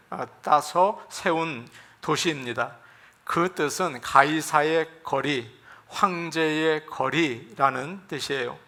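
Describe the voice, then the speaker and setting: A man's voice: fairly high pitch, sharp tone. A man preaching a Sunday sermon as pastor, folksy, acting out dialect lines. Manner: folksy, acts out regional dialect lines for humor. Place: church sanctuary.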